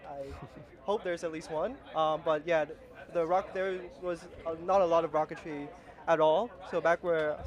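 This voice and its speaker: Young man from Vietnam, slightly high voice, hesitant, filler-heavy, speaking outdoors. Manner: hesitant, many fillers and restarts. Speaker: rocketry team flight simulation lead. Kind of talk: casual interview. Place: outdoors at a launch site.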